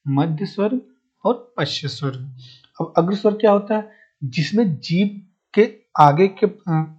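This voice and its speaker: Patient male teacher, dark muffled voice. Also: high-pitched, breathy edge. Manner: asks a question, then answers it himself; repeats each definition slowly for note-taking. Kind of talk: recorded grammar lesson. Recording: muffled, dull recording.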